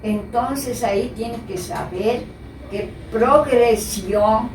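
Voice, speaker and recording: A woman teacher giving a slow, patient spelling lesson and repeating the key words. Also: fairly high pitch, darkish tone, slight background noise. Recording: echoey room, voice from a distance.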